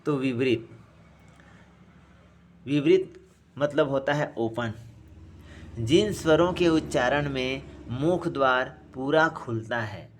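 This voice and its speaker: A man teaching a grammar lesson, speaking each sound aloud, repeating key terms and addressing his students as friends. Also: medium pitch.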